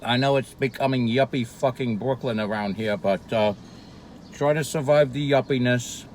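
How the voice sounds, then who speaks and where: A man's voice: mid-range voice, normal speed, a little mellow, a little hiss or hum, low-quality recording. A man rambling casually and profanely to camera while eating, with lots of hesitant fillers. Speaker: vlogger. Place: street near a Brooklyn diner.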